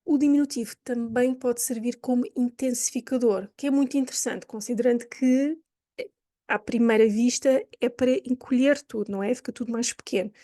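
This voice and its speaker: A woman with a Lisbon accent explains a language point in a chatty, thinking-aloud way. Her voice sits a little high and sounds mellow, and the sound is dry and close. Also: a little fast, no echo. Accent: Lisbon Portuguese. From Portugal. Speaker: language teacher. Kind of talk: explaining lesson to camera.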